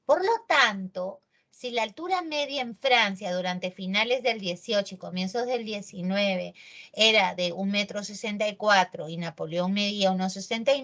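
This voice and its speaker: A woman with a medium-pitched voice teaches a grammar lesson, speaking in an animated, emphatic way and checking in with tag questions.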